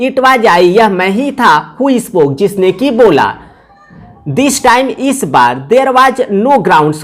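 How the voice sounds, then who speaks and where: A woman teacher, reading phrases slowly and explaining each one in Hindi. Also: medium pitch. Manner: reads English phrases very slowly, then glosses them in Hindi. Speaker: English teacher. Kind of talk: line-by-line lesson explanation.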